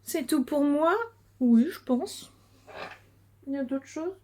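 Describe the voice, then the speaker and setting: A chatty woman with a fairly high voice talks casually about her crafts. She hesitates often, filling gaps with little sounds, and breaks into giggles now and then. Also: takes it slowly, a little mellow. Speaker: knitting and sewing podcaster. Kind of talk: casual video chat showing crafts.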